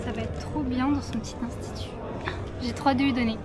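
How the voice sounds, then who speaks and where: A woman's voice: high voice, steady tone, fairly quick, loud music behind the voice. A young woman chatting casually to her camera in a vlog, with many fillers and repeated words. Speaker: vlogger. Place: out and about in town, café terrace.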